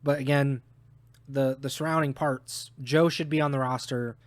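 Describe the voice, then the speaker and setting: A man's voice: mid-range voice, fairly even intonation, normal speed, no echo. A man co-hosting a podcast, giving blunt opinions on esports while losing his voice. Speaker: podcast co-host. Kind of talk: casual esports analysis chat.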